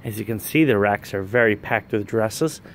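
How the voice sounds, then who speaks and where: A man, running a wholesale business, giving a plain walkthrough sales pitch in a warehouse, listing items one by one while filming on a handheld phone. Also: moderate pace, gravelly, slight background noise. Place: indoor warehouse with dress racks. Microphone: handheld phone camera, speaker off screen.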